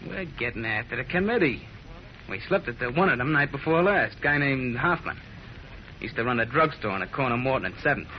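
An actor playing a tough, sly young American gang leader with curt, slangy talk in a 1940s radio drama. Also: male voice, mid-range voice, expressive, fairly quick, lightly acted. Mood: boastful, menacing. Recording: muffled, noisy vintage radio recording.

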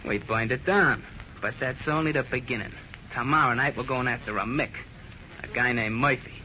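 An actor playing a tough, sly young American gang leader with curt, slangy talk in a 1940s radio drama. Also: male voice, medium pitch, moderate pace, lightly acted. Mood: boastful, menacing. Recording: muffled, noisy vintage radio recording.

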